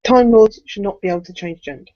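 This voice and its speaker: A co-host of a fan podcast, animated and opinionated, quick to complain. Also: mid-range voice, no room sound. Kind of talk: casual fan chat, ranting. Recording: dull lo-fi dry recording.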